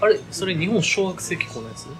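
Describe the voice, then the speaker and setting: A man's voice: high voice, very animated, brisk, music in the background, poor audio. A young adult man with a Kansai Japanese accent chatting casually and questioning his friend. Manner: questioning, inquisitive. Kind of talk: casual chat between friends.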